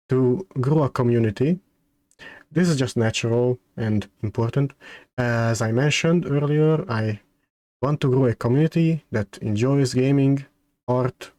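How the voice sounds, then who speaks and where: A man's voice: medium pitch, mellow, no room sound. Guy streamer just chatting, takes his time, kinda hesitant and repeats words, dry close sound. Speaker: streamer hosting a debut stream. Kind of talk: casual livestream chat.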